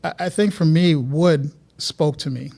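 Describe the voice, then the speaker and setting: A man from Guyana, a guest artist telling stories in a relaxed interview chat, often restarting his sentences. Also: fairly high pitch, measured pace, creaky. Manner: reflective, storytelling, many restarts.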